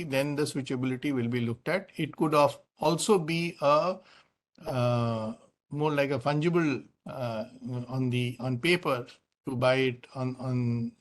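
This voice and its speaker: A male company executive on an earnings call explains things off the cuff, with many pauses and words said more than once. He speaks at a medium pitch.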